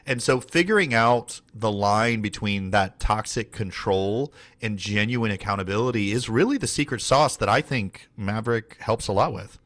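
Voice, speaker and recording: A man's voice: on the low side, moderate pace, few pauses, fairly bright tone. A man talking through a casual training session with lots of fillers and restarts. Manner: rambling, many fillers and restarts. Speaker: team leader and trainer.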